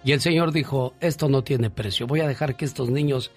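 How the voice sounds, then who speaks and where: A male radio host bantering with his co-host, quick to cut in with jokes. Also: mid-range voice, husky, faint music behind. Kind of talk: radio talk show banter.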